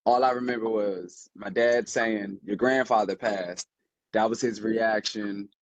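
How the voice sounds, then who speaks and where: A man's voice: lowish voice, fairly even intonation, a little slow, dry recording, muffled recording. A young man, telling a heartfelt personal story in a rambling, casual way full of fillers. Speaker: podcast co-host. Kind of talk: casual conversation.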